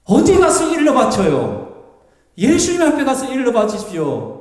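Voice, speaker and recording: A man preaching as a pastor, lively and animated, acting out tearful prayers and grumbling complaints to make his point. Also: extremely high pitch, normal speed. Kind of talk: sermon. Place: church sanctuary. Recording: echoey church hall, voice from far off the mic.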